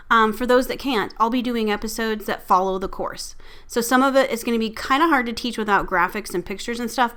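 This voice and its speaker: A woman's voice: medium pitch, pushed and bright. A woman in her forties hosting her own podcast, talking candidly and casually, swearing freely and laughing at herself. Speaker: podcast host. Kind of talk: casual solo podcast talk.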